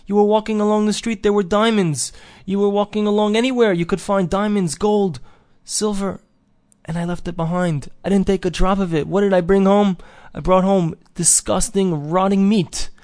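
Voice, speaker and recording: Ruined husband wailing over lost riches, pitched high; a man plays him in a spoken parable. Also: fairly even intonation, moderate pace, darkish tone, no room sound, clean studio sound, close to an everyday voice. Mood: lamenting. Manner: wailing lament. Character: distraught man who came home with nothing.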